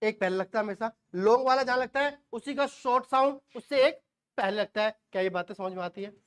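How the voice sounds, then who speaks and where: Teaching shorthand in a classroom lecture, a man in his forties questions the class and answers for them, with homely asides and jokes. His high-pitched voice is brisk, clean and a bit bright.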